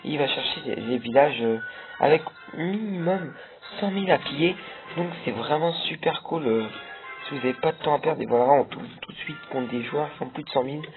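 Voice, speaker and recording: Loud game music fills a tinny, lo-fi capture as a young man rambles casually over his gameplay, restarting and using fillers often. He speaks a little fast with a voice on the high side.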